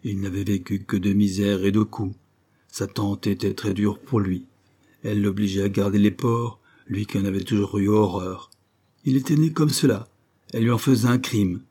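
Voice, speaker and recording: Audiobook narrator, man, measured reading, dark mellow tone. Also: lowish voice, steady tone, slightly rough. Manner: measured, storytelling. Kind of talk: scripted literary narration.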